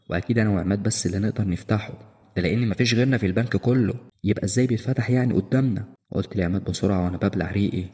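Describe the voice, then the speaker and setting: A man with an Egyptian accent tells a horror story in the first person, fast and tense. His voice is low and husky, and a long reverb trails behind each phrase. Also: a little mellow. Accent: Egyptian Arabic. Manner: tense, suspenseful telling.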